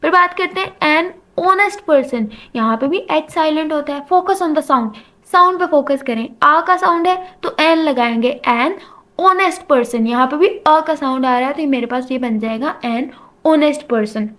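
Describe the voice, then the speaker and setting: A woman's voice: high-pitched, moderate pace, fairly bright tone. A woman teaching a grammar lecture, explaining step by step and mixing English terms into her talk. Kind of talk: classroom lecture.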